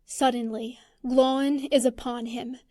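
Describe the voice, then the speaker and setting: A woman reading a fan-made fantasy horror story aloud as scripted narration, slow and measured. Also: fairly high pitch, level tone, darkish tone, no echo. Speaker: podfic reader.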